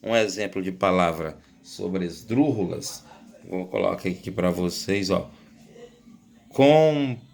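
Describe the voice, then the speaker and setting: A man's voice: low-pitched, a little slow, vocal fry. A man teaching a Spanish lesson to Portuguese speakers, who keeps checking in with "right?" tags and repeats each key point. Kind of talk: classroom lesson explaining rules.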